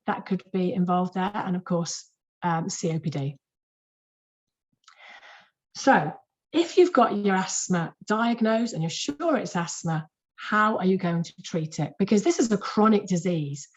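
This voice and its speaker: A woman, a clinician, giving a lively and emphatic webinar lecture to health professionals in a conversational way, repeating words for stress. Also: medium pitch. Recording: muffled lo-fi webinar audio.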